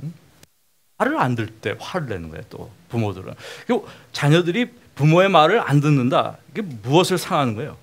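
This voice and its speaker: A man's voice: on the high side, very animated, brisk. A middle-aged male pastor giving a conversational sermon lecture, often putting questions to the congregation.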